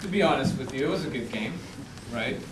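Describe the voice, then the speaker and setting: A man's voice: medium pitch, lively intonation, fast, close to an everyday voice. A young man playing Death in an amateur stage play, a cunning, sardonic and gloating figure. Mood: wry, boastful. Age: young adult. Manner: gloating, sardonic, laughs often. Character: Death, a mocking, theatrical, cunning male personification. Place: indoor theatre stage. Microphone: distant camera. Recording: echoey stage, distant camera mic, noisy.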